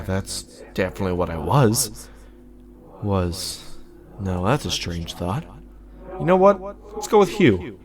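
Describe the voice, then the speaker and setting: In a musing mood, with a voice on the low side, a man plays an audio-drama character: a foul-mouthed former magical fabricator with amnesia. He coaxes himself forward, swinging between quiet, muttered focus and excited outbursts.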